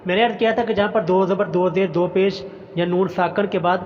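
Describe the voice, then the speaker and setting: A male Quran teacher recites each word slowly and drawn out, then explains its pronunciation briskly. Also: high voice, steady tone, long reverb tail, highs cut off. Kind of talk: recitation lesson.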